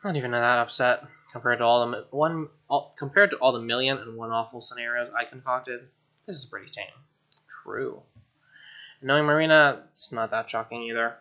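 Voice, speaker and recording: A young man with a medium-pitched, steady voice talks briskly through a game playthrough, mixing casual, slangy commentary with reading the narration aloud and often sounding exasperated. The dull lo-fi mic picks him up with game music playing underneath.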